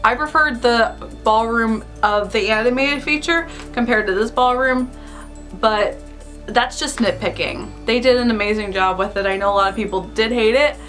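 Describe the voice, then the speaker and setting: A woman's voice: on the high side, moderate pace, fairly bright tone, faint music behind. A woman chatting casually and eagerly through a film review, gushing and giggling as she gives her opinions. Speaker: YouTuber reviewing films.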